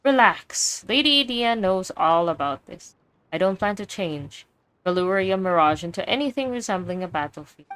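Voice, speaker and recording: A woman voicing a calm, kindly older male weapon engineer as she reads game dialogue aloud, steady and explanatory with small slips. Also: mid-range voice, moderate pace, clear, resonant tone, natural voice, low-quality recording. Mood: explaining.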